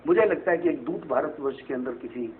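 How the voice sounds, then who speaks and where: An astrologer guest on a TV interview, this man has a medium-pitched, animated voice and talks fairly quickly. He goes on at length, preachy, often asking "right?" for agreement, heard through a tinny phone-like band with faint hiss from the studio.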